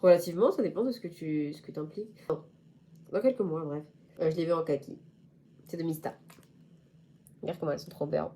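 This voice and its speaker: A woman's voice: deep voice, brisk, long pauses, warm tone. A young woman in casual chat to camera as a vlogger, playful and self-mocking, with slang. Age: young adult.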